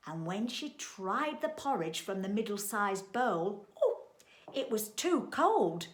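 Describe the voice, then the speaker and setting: A woman reading a children's story aloud in an expressive, playful way. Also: medium pitch, slow pace. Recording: echoey room.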